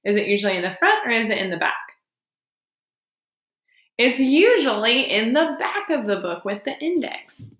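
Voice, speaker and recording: Speaking at normal speed but pausing often, a woman with a slightly high, sing-song, fairly bright voice leads a read-aloud for young kids. She keeps explanations simple and expressive and poses questions along the way, in an echoey room.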